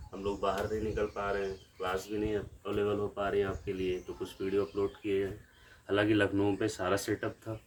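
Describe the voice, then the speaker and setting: A man's voice: fairly low pitch, darkish tone, far from the mic, slight background noise, poor audio. A man with a Lucknow Hindi accent teaching a maths lesson from a room in a village, explaining step by step and asking questions back to the class.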